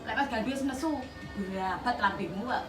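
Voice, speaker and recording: A woman's voice: mid-range voice, brisk. A woman with a Javanese accent, teasing and chiding in a village comedy sketch. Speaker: comic actor. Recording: roomy, distant, loud music.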